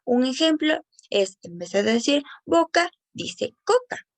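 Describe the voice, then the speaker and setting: A woman reads an educational presentation in a careful, explanatory way. Her voice sits a little high with a gravelly, creaky texture. The recording is close and dry, with no room sound. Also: very animated, no echo. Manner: careful, explanatory, slows down on example words.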